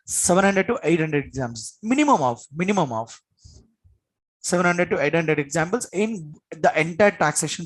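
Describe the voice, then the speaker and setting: The recording is rough, capturing a man with a high-sitting voice and an Indian accent. He's an exam coach giving a classroom lecture, hammering points home repetitively and often pausing for check-in questions.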